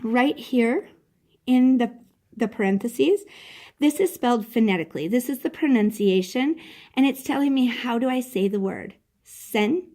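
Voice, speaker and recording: A woman's voice: on the high side, animated, moderate pace, dark tone. Patient woman teacher spelling out words. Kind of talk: classroom lesson demonstration.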